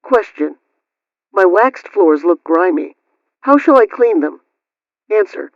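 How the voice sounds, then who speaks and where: Playing a radio host, a man with a high voice reads scripted household tips at a slow pace, asking a question before giving the answer. His delivery is animated yet formal, instructional and carefully enunciated. There's no room sound, and the audio is dull and lo-fi like old radio.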